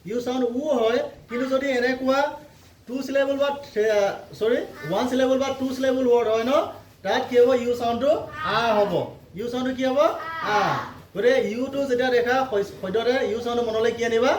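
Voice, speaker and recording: Very high-voiced man drilling phonics. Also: fairly even intonation, slight background noise. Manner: slow drilling, spelling letters then sounding words; asks pupils questions and answers them. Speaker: teacher. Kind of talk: phonics lesson for children. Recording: echoey room.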